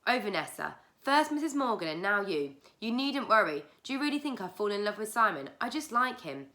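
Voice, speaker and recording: A woman's voice: medium pitch, sing-song, fairly quick, bright, forceful tone, voice pushed up. A woman voicing an earnest, heartfelt schoolgirl, read from a storybook.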